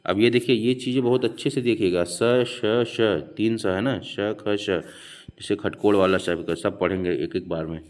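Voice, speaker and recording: A male teacher explaining Hindi grammar for an exam, slowly repeating each rule and its mnemonic for his students. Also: lowish voice, steady tone. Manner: slow, repeats mnemonics aloud. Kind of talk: exam prep lecture.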